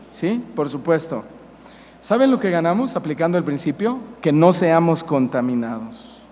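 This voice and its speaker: Un pastor mexicano de mediana edad predicando con énfasis y haciendo preguntas a la congregación. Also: male voice, a little high. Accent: Mexican Spanish. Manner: emphatic, asks the congregation questions. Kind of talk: sermon. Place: church hall. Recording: reverberant church hall, faint hiss.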